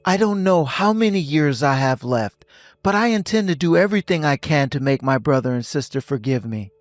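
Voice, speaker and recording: A man's voice: fairly high pitch, lively intonation, normal speed, no room sound, clean studio sound, lightly acted. A man playing a cold, lecturing husband. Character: stern husband ending a toxic marriage.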